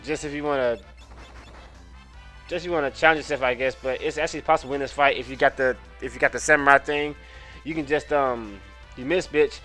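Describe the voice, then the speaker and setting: A man's voice: mid-range voice, steady tone, brisk, pushed and bright, soft background music. A man giving casual let's-play commentary on a video game, rambling, correcting himself and swearing now and then. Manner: rambling, self-correcting, profane. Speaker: gamer, video host.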